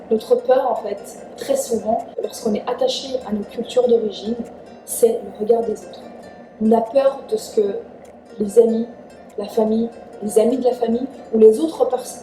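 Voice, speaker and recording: Young woman vlogger, born in Iran, earnest and chatty; dark, soft tone, sits back from the mic. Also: on the high side. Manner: earnest, chatty, frequent "en fait". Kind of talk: casual advice vlog. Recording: echoey room, distant mic, faint music.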